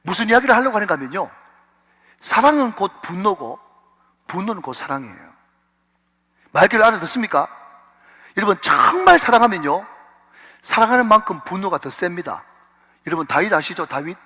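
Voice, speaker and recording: Impassioned high-voiced male preacher. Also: very animated, brisk, long pauses. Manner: impassioned, swings from hushed to loud, exclaiming. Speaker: pastor. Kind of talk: sermon. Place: church sanctuary. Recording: reverberant church hall.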